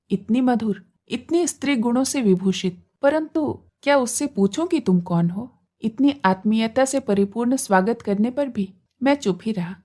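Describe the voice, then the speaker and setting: Woman narrating a story, slightly high voice. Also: a little mellow. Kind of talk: scripted audiobook narration.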